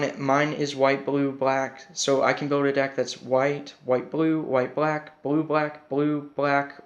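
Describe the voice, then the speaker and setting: A man with a whistling S sound, casually explaining a card game deck in an informal, slightly hesitant, self-conscious way. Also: medium pitch. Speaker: trading card game hobbyist presenter.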